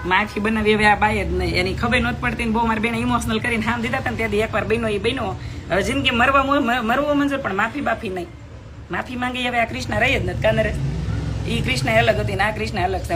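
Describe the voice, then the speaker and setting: A woman's voice: a little high, rapid-fire, noisy background. A middle-aged woman, chatting bluntly with viewers on a phone live stream, scolding and preaching.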